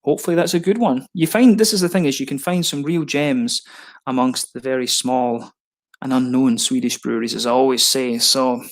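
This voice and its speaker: A man's voice: medium pitch, fairly quick. A man giving casual unboxing commentary as a beer reviewer, chatty and rambling with frequent ums.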